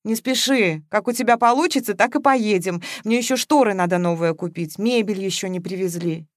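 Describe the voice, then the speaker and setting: A cheerful, house-proud older woman talks in a lively, animated way, voiced by a woman reading the story aloud. She comes across fussy and quick to take offence. The sound is dry and close. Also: medium pitch, no room sound, close to an everyday voice.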